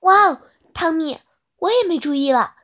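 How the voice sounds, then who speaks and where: A woman's voice: sits high, lively intonation, moderate pace, pitched above the performer's own voice. A woman voicing a caring, worried widowed mother in a storybook reading, speaking in a coaxing way. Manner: warm, coaxing, concerned.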